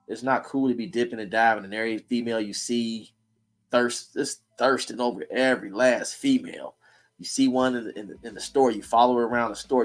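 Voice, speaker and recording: A man hosting a casual streamed talk, blunt and preachy, in heated street slang. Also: medium pitch. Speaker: host.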